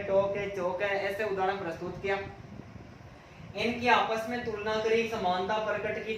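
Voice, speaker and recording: A high-pitched male teacher drills exam points, asking questions aloud and answering them himself. He sounds set back from the mic in a strongly echoing room, with a faint hiss of ambience behind him. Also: fairly bright tone. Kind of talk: exam-prep lecture. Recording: echoey room, voice from far off.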